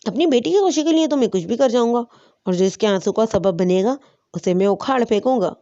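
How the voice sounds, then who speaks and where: Brief: woman doing a menacing feudal patriarch, barks orders, mellow tone. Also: fairly high pitch, expressive, highs cut off. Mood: commanding. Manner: commanding, menacing. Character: domineering feudal man, stern father.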